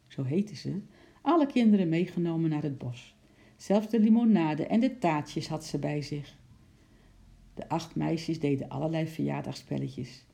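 A narrator reading a children's storybook aloud with lively, expressive storytelling. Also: mid-range voice, creaky. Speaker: audiobook narrator.

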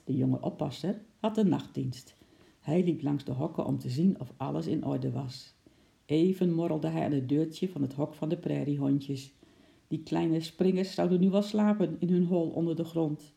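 A storyteller reading a children's story aloud in a calm, even manner. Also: mid-range voice, creaky.

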